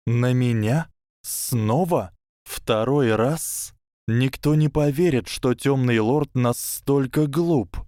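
Wary young wizard, read by a male narrator: flat hissing delivery, slow and careful. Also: mid-range voice, no room sound, clean studio sound, pitched above the performer's own voice, lightly acted. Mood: guarded.

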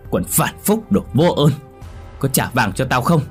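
A man's voice: low voice, steady tone, moderate pace, soft background music, close to an everyday voice. A man doing a desperate, wailing poor old man. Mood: desperate rage. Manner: wailing, shouting in despair.

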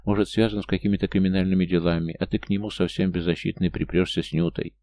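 A man's voice: sits low, level tone, quick pace, mellow, close to an everyday voice. A male audiobook reader voicing an outraged, protective young woman friend who scolds and comforts in turn. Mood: worried. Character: agitated young woman, a loyal indignant friend.

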